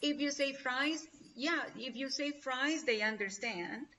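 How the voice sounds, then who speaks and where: A woman's voice: sits high, a little slow, sharp tone. A Spanish-speaking woman teaching an online English class, encouraging and often checking in with "ok?". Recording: dull lo-fi video call audio, distant from mic.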